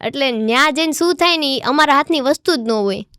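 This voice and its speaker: A young woman, a folk singer telling stories in a casual podcast interview, chatty and animated, repeating phrases for emphasis. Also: sits high, brisk, no room sound, clean studio sound. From Gujarat. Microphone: studio podcast mic.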